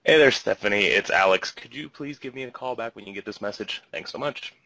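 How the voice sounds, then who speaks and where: A man's voice: on the low side, a little fast, sharp tone, dry recording, rough recording. A man leaving a short, polite voicemail message, heard as it is played back.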